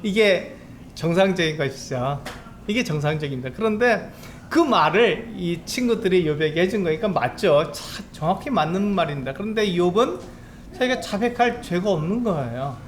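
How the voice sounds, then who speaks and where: Male pastor, high voice, conversational sermon delivery, faint hiss behind. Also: animated, moderate pace. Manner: conversational, explaining, acts out quoted speech with raised pitch. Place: church sanctuary.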